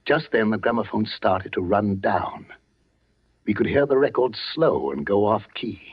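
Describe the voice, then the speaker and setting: Village vicar, earnest, gently authoritative, animated pitch, muffled 1940s radio. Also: male voice, normal speed, husky. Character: village vicar, worried father.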